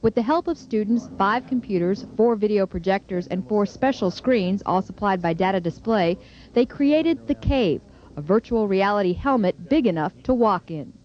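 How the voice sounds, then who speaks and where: A woman TV reporter reading a scripted news voice-over in a measured, clear way. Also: medium pitch, expressive, a little mellow. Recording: muffled early-90s broadcast tape.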